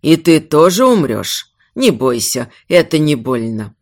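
A woman voicing a dead father's ghost, speaking quietly, slowly and mournfully. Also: sits low, big pitch swings, pitched below the performer's own voice, exaggerated voice. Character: dead father, sad and gentle, middle-aged man.

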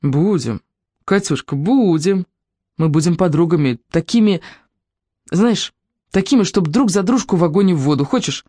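An audiobook reader voicing an impulsive, warm-hearted schoolgirl who talks quickly and earnestly. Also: medium pitch, lively intonation, dry recording, studio quality, natural voice. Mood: pleading. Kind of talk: audiobook character reading.

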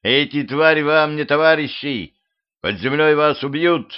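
A man voicing a brash male gang leader who shouts in crude street slang, in a home audiobook. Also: mid-range voice, moderate pace, clean tone, highs cut off, lightly acted. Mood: angry.

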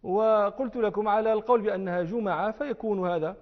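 A man with a high voice explains a classical text to his students, slowing down and repeating words to show their forms. The recording is dull and muffled. His voice rings on through the long reverb of a large hall. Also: fairly even intonation. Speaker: religious teacher.

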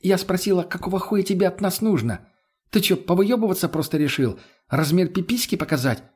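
A man reading an audiobook and voicing a defiant, foul-mouthed young woman with sharp, swearing retorts and a husky voice. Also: high voice, animated, fairly quick, voice pushed up. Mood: scornful.

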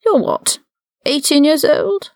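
A woman reads a story audiobook-style, playing an aged, aristocratic wizard prisoner who is haughty, mocking, formal, and condescendingly measured. Her mid-range voice swings widely in pitch, carries vocal fry, and feels intense and persuasive, captured cleanly in a studio without echo.

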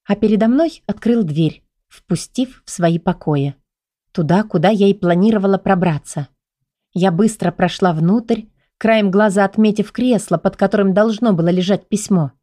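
A woman narrating a first-person audiobook in a lively, playful storytelling manner. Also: medium pitch, moderate pace, no room sound.

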